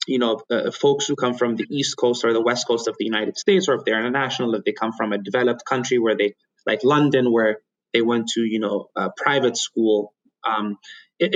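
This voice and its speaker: A man in his thirties from Ethiopia, whose first language is Amharic, speaks as a guest in a thoughtful, measured way. He often restarts his phrases as he gathers his thoughts. The audio is slightly dull and lo-fi, as if from a remote recording. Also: medium pitch. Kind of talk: conversational interview.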